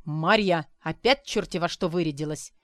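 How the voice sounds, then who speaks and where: A boorish male schoolteacher, voiced by a woman reader, gruff and self-important. He barks orders and lectures in a lowish, dry voice. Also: moderate pace, no room sound, lightly acted. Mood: barking.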